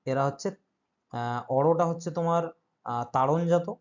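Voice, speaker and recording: Guy teaching exam prep, slightly high voice, keeps checking you follow, dull lo-fi audio. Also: normal speed. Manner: explains step by step, often checks understanding. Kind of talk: exam-prep grammar lesson.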